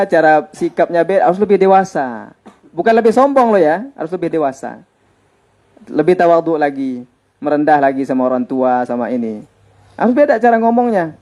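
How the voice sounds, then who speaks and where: A man's voice: a little high, darkish tone. A man, a teacher at an Islamic boarding school giving students holiday advice in a conversational way, repeating his points for emphasis.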